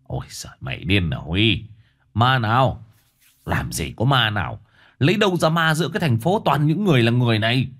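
A man voicing a flustered middle-aged office boss who stammers and speaks in a hushed, placating tone. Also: mid-range voice, big pitch swings, brisk. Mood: exasperated.

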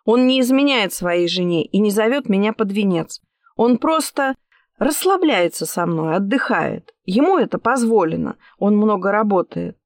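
A woman's voice: mid-range voice, expressive, normal speed, dry recording, studio quality, natural voice. A woman reading an audiobook voices a young, jealous and defiant mistress who keeps raising her voice in heated protest. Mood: indignant. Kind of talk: audiobook character voice.

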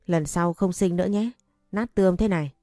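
A woman's voice: on the low side, moderate pace, warm tone, no echo, clean studio sound, soft background music, natural voice. A woman voicing a confident, doting young husband who teases bossily, in a story reading. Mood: teasing.

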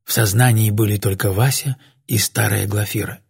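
A male audiobook narrator reads in a measured voice. His tone is gravelly and a little husky, at a middle pitch. The sound is dry and close. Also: fairly even intonation, dry recording. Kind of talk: scripted narration.

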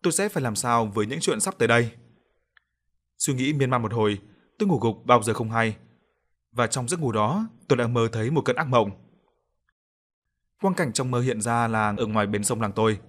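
A man reading a first-person horror story aloud in a steady, measured way. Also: medium pitch. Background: soft background music.

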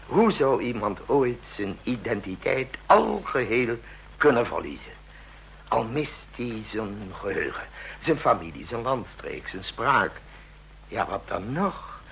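In a radio drama, an older man plays a chatty, shrewd old dentist who is quietly menacing, using a fairly low, gravelly, slightly rough voice with a fairly bright tone. His heavily acted delivery is deliberate, musing, and philosophical, full of murmured repetitions and rhetorical questions.

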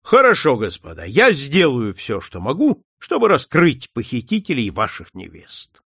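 Guy doing a calm wry detective boss, gravelly voice, dry close sound. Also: mid-range voice, normal speed, no room sound, heavily acted. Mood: composed. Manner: composed, dryly joking.

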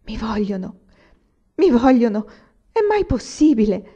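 A woman's voice: mid-range voice, normal speed, mellow, voice pushed up, lightly acted. Woman reading as an impetuous young man in love. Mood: passionate. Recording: dull lo-fi recording.

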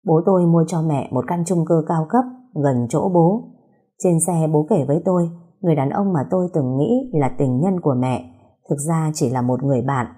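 A woman narrating a first-person story in a steady, somber storytelling manner. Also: sits low, normal speed, slightly rough.

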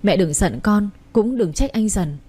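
A woman's voice: medium pitch, expressive, unhurried, mellow, breathy edge. A woman voicing a meek young daughter-in-law who speaks humbly and apologetically in a storybook reading. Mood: apologetic. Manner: humble and pleading.

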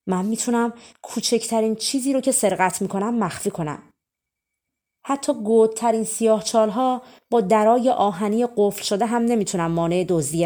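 A woman's voice: medium pitch, warm tone, lightly acted. A woman voicing a humble, pleading young thief.

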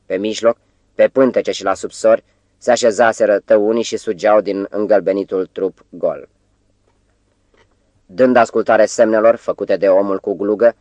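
A man reading a novel aloud as an audiobook narrator, in a measured, even-paced way. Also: lowish voice, dry recording. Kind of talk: scripted literary narration.

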